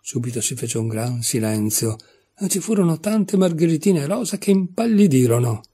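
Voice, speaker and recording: A man reading a storybook aloud as an audiobook narrator, calm and measured. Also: fairly high pitch, slightly rough. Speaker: audiobook reader.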